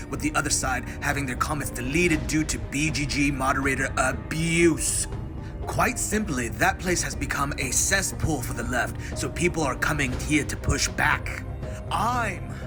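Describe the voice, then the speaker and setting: A man's voice: medium pitch, close to an everyday voice. A man giving a hammy, theatrical dramatic reading as an angry, aggrieved male board game hobbyist ranting online. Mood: aggrieved, indignant. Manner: reads punctuation marks aloud. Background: music.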